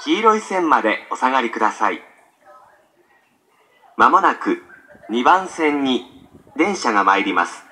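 A man's bright, lilting voice gives a formal platform announcement over loudspeakers. It is heard from a distance. Faint noise runs underneath. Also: medium pitch, sing-song, unhurried, pauses often. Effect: played over platform loudspeakers from a distance.

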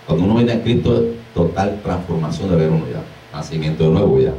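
Recorded at a distance in an echoey room with slight background noise, a man with a low voice speaks fairly quickly. He is a deliverance minister giving a casual sermon to a small group, acting out exclamations and laughing along the way.

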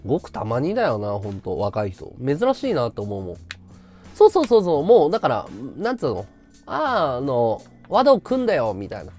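A man live-streaming a casual chat, blunt and ranting, swinging from loud outbursts to low mutters. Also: huge pitch swings, quick pace, faint music behind.

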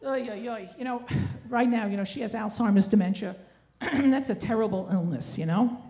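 Her voice is medium-pitched and dark, paced moderately, as this woman in her sixties kvetches through a stand-up set with wry, self-mocking, Yiddish-inflected humor. She works a handheld stage microphone on an indoor theatre stage, and the recording holds live ambience with clear noise.

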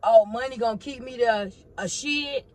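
A woman vlogger ranting to her viewers on her phone. She is animated and swings between loud outbursts and low muttering. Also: normal speed, no echo. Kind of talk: heated casual rant to camera.

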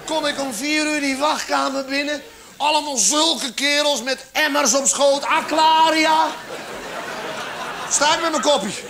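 A man performing a stand-up cabaret monologue on a theatre stage, acting out characters with sudden exaggerated shouts. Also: very high voice, moderate pace, a crowd in the background. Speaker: comedian. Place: theatre stage with live audience. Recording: live theatre recording, audience laughter, background noise.

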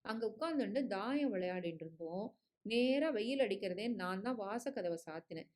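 A woman's voice: medium pitch, animated, darkish tone, close to an everyday voice. Woman voicing a tearful young wife. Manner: tearful, halting, pleading.

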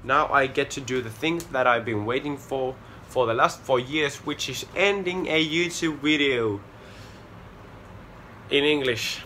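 With faint music behind him, a young Finnish-accented charity walker talks casually to a camera at close range on a small outdoor porch. His medium-pitched voice is bright and forceful, though his manner is earnest and a little sheepish, with filler pauses.

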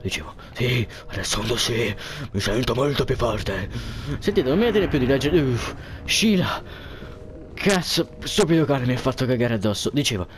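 A man's voice: mid-range voice, sing-song, moderate pace, noisy background. A man commenting on a horror game for viewers, jumpy and joking, swearing often at what scares him. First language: Italian. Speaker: gameplay commentator.

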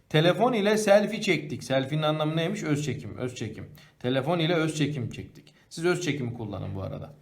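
A man teaching a primary school grammar lesson. He asks the class questions and then answers them himself, and he slows down to read the example sentences aloud. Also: a little high. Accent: Turkish.

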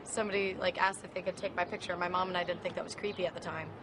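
A woman's voice: fairly low pitch, level tone, rapid-fire. A young woman guesting on a talk show, chatty and jokey, poking fun at herself with lots of fillers. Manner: chatty, jokey and self-mocking, with many fillers. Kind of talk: casual talk show interview. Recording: noisy TV clip audio.

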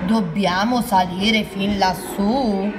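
A woman's voice: takes it slowly, over music, lightly acted. A woman reading aloud and voicing an eager, impatient little male frog in a storybook. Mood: eager, questioning. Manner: high, excited questioning.

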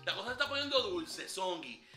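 A man's voice: high-pitched, very animated, fast, sharp tone, faint music behind, full character voice. A man playing a brash, flirty ladies'-man character who hands out dating tricks in swaggering, slangy banter in a comedy sketch. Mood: boastful. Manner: swaggering slangy banter, calls listener papá. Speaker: comic character giving dating tips. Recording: roomy echo.

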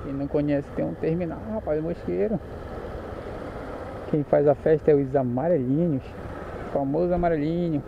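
A man's voice: fairly high pitch, normal speed, creaky, long pauses. A man with a Paraense Brazilian accent chatting casually and joking as he rides a motorcycle through town, correcting himself as he goes. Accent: Paraense Brazilian Portuguese. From Pará, Brazil. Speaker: motorcycle vlogger. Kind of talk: casual chat while riding. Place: on a motorcycle in the street outdoors. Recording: muffled with loud road noise. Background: engine and traffic noise.

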